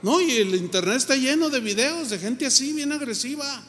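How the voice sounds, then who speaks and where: A man preaches in a fairly high voice, his lively delivery slipping into little acted-out reactions. His sermon rings with a long tail of reverb from a large hall. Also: moderate pace. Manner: animated, acts out quoted reactions. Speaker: pastor.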